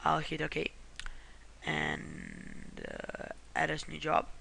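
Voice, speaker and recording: A man's voice: fairly high pitch, wildly swooping pitch, very slow, gravelly, pushed and bright, a little hiss or hum. A man from Croatia, talking through a screen-recorded how-to walkthrough in a rambling way, often correcting himself and apologizing. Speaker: tutorial host.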